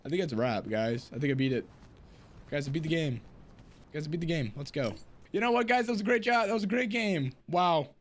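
A male streamer giving live gameplay commentary, jumpy and swearing, swinging from low mutters to sudden yells. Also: animated, a little fast. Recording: game music in the background.

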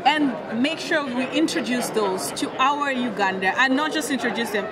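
Earnest woman over a loud crowd. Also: sits high, moderate pace. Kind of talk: interview. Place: busy indoor convention hall. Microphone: handheld mic held to her.

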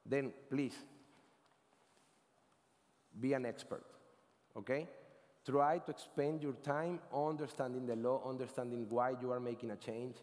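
A man in his thirties from Venezuela with a Venezuelan Spanish accent, giving a casual, rambling conference talk on stage, often correcting himself and adding "right?". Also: mid-range voice. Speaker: conference speaker. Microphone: headset. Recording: long hall reverb.

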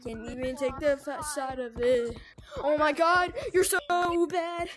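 A woman with a very high, piping voice taunts other players through a headset mic, tacking "bro" onto nearly every line. Busy chatter from the game lobby fills the background. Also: a little slow. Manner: taunting, repeats "bro" constantly. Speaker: gameplay streamer. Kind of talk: trash-talking VR game chat.

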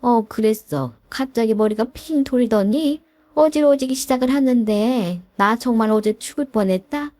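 A woman's voice: on the high side, normal speed, mellow, no room sound, close to an everyday voice. A woman voicing a pushy, self-pitying older mother-in-law in a storybook drama, wheedling and guilt-tripping. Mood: pleading, pushy.

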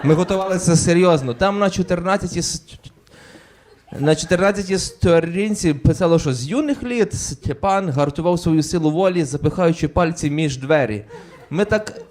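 A man's voice: a little high, normal speed, darkish tone. A young man from Ukraine with a stutter, performing a stand-up routine on a club stage and acting out the people he quotes. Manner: acts out relatives and officials in quoted voices. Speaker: stand-up comedian. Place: comedy club stage with audience laughter.

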